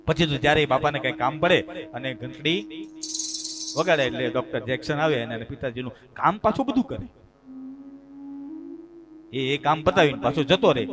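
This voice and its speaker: A man, telling a religious katha story in an animated way and addressing his listeners directly. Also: mid-range voice.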